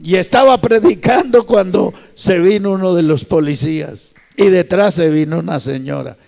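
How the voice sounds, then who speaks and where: A man's voice: high voice, moderate pace, vocal fry, darkish tone, big-room sound. A male pastor, giving a fervent sermon testimony as a storytelling preacher.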